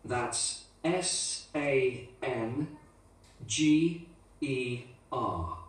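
An actor playing a man leaving a voicemail at a hotel, speaking slowly and spelling out his name letter by letter. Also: medium pitch, distant mic. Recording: echoey coursebook audio from a room speaker.

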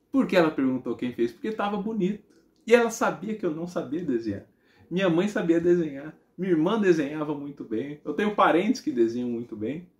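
A man with a Brazilian Portuguese accent preaching, telling a personal testimony as an animated story and acting out the dialogue. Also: on the high side, reverberant.

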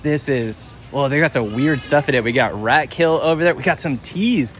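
Filmed indoors on a handheld camera held by someone else, this thirtysomething vlog host rambles casually through store aisles, full of fillers and corrections of himself. His mid-range voice is a bit bright and moderately paced, with slight background noise.

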